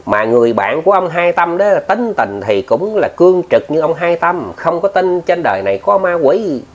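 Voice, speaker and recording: Lively Southern Vietnamese storyteller man. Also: a little high, moderate pace, muffled recording. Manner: chatty, addresses listeners often, many filler words. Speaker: ghost story narrator, channel host. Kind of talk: casual spoken storytelling.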